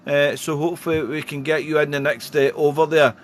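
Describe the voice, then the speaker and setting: The speaker is an amateur radio operator whose voice runs on the high side, level in tone and fairly quick. He mixes phonetic call signs with friendly chatter, and clear radio noise hums in the background.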